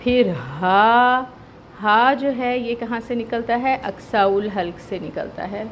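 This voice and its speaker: A woman with a Pakistani Urdu accent, teaching Quran recitation step by step and checking in often with the listener, drawing the verses out slowly when she recites. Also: on the high side, noisy background. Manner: explains step by step, checks with "theek hai"; slow drawn-out recitation of verses.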